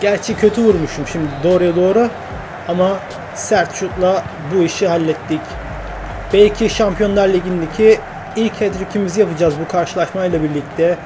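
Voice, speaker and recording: Excitable high-voiced man playing football game. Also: normal speed, noisy background. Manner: excitable, swears and grumbles at the game, commentates his own play. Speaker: gaming YouTuber. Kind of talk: football game career commentary.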